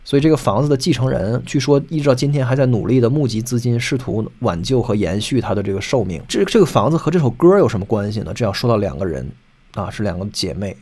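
A man's voice: mid-range voice, lively intonation, fast, darkish tone, husky. Man explaining music on a podcast. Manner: explains music at length, sings short snatches of song. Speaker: podcast host.

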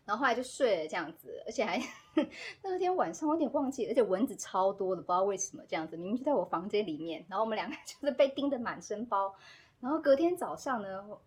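Husky-voiced woman telling a lively story. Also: mid-range voice, fast. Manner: animated, acts out quoted dialogue, laughs often. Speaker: podcast guest. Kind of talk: casual storytelling chat.

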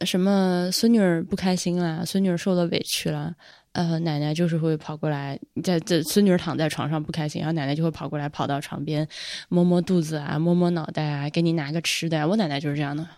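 A woman's voice: sits low, fairly even intonation, quick pace, darkish tone, no room sound, clean studio sound. A woman co-hosting a podcast, chatting casually and opinionated, laughing easily. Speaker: podcast co-host. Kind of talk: casual chat.

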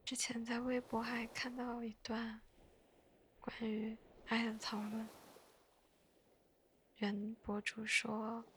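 A woman chatting in a soft, breathy whisper for bedtime listening, hushed and gently unhurried, close to the mic. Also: fairly high pitch, completely flat delivery, a little hiss or hum. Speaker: host of a bedtime podcast.

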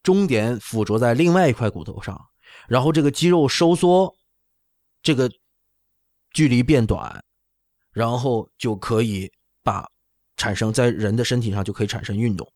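A man's voice: medium pitch, animated, moderate pace, pauses often, a little mellow, no echo. Middle-aged man explaining, fairly dry sound. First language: not Chinese. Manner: explanatory, often checking with "right?". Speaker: orthopedic doctor explaining on a talk show. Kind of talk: casual medical explanation.

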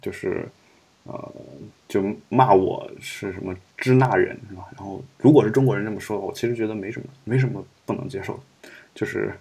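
Gravelly, dark and slightly rough, this man's lowish voice moves at a brisk pace as he hosts a casual podcast. He muses over his opinions in a meandering way, often restarting and leaning on fillers.

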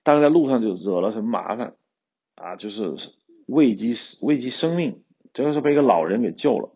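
A man's voice: medium pitch, animated, brisk, husky, dull audio. A man hosting a podcast, retelling an old tale in a loose, casual way with frequent restarts. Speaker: podcast host, screenwriter-director. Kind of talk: casual storytelling commentary.

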